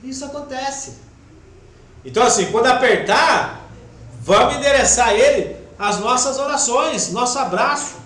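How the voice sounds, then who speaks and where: A man giving a devotional spiritist talk with a Brazilian Portuguese accent, emotional, swinging between loud urging and soft, hushed passages. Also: very high-pitched, animated, measured pace. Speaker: spiritist lecturer. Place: spiritist center hall. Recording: echoey hall with faint background noise.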